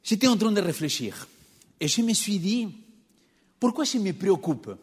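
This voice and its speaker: Male preacher, accented French, high-pitched, rhetorical questions, reverberant church hall. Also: expressive, normal speed, breathy edge. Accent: non-native French accent. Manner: engaging, poses rhetorical questions to the congregation. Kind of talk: sermon.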